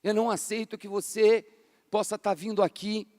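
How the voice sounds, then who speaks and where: A man's voice: sits high, little pitch movement, normal speed, mellow. A man in his fifties, a pastor from Brazil, preaching a fervent, casual sermon in a large church hall. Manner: fervent, casual, says "cara" a lot. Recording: long hall reverb.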